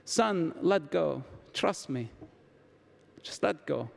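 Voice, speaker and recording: A man voicing God in a joke, speaking slowly and gently from the clouds in a hushed, fatherly voice. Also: a little high, lively intonation, creaky, big-room sound, pitched below the performer's own voice, heavily acted. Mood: soothing.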